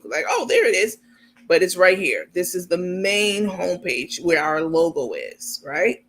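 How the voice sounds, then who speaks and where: The channel host, a man with a high, gravelly, slightly bright voice, chats with viewers on a casual livestream. He explains things step by step while sharing his screen, says "um" a lot, and gets irritated over small details.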